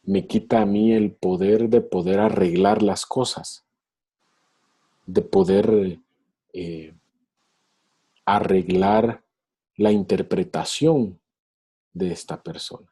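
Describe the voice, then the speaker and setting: A man with a low, dark voice gives a reflective lecture over a video call. He speaks slowly and unhurriedly. He retells a story and acts out its voices, and his tone is slightly husky. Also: fairly even intonation. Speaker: speaker in a theology webinar.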